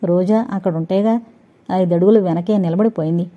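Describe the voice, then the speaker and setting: A woman narrating a suspense audio novel in a steady, scripted storytelling voice. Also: lowish voice, moderate pace. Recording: dull lo-fi recording.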